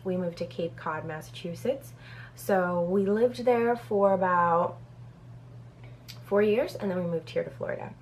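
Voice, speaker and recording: A Brazilian beauty vlogger in her thirties, with a lowish voice and a measured pace, chats casually through a get-to-know-me Q&A. She reads the questions off a paper with lots of "um"s, and a little hiss or hum sits under the audio.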